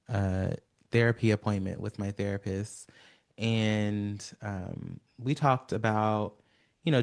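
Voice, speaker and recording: A man hosting his own podcast alone, rambling with many fillers and long pauses, sounding tired, recorded on a phone. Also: fairly low pitch, clear, resonant tone. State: tired, yawning. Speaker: podcast host. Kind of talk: solo podcast monologue.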